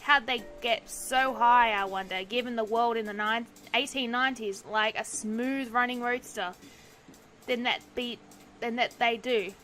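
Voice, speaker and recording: A man's voice: very high-pitched, steady tone, a little slow, sharp tone, faint music behind, exaggerated voice. A woman voicing a young, angry male taxi driver in a video game, ranting heatedly in a put-on accent.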